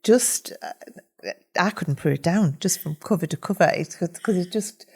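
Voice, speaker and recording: Podcast host, woman, low-ish voice, affirming and encouraging. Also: normal speed, darkish tone, breathy edge. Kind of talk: podcast interview.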